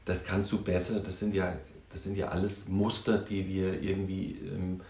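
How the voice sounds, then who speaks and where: Thoughtful low-voiced man, roomy sound. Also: little pitch movement, a little mellow. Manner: thoughtful, halting, many tag questions. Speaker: counselor and music therapist. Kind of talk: reflective conversational talk.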